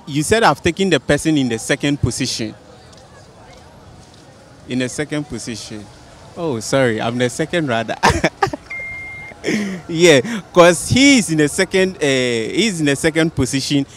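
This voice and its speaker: A man's voice: on the high side, lively intonation, normal speed. A man, answering questions in a casual street interview. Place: busy outdoor spot under a city flyover. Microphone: handheld interviewer's microphone. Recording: faint outdoor street noise.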